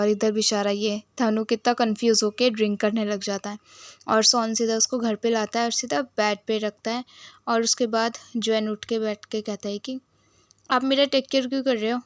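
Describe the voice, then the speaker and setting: This is a woman narrating a drama's plot in a relaxed, chatty way. Her voice is slightly high, and the recording is dry and close. She perks up whenever she quotes a character. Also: dry recording. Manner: lively, switches into quoted lines with a lifted voice. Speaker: narrator explaining a drama series. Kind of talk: casual storytelling narration with acted quotes.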